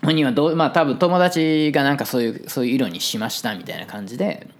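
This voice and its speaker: A man's voice: mid-range voice, fast talker. A man with a Kansai accent, a hair salon owner, telling a story in casual talk and acting out the conversations in it.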